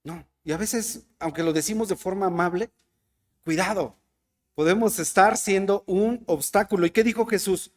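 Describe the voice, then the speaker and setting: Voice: mid-range voice, moderate pace, darkish tone. A preacher with a Mexican Spanish accent giving a sermon at a church service, asking the congregation questions and acting out the voices of people in the story. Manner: asks the congregation questions and acts out quoted voices.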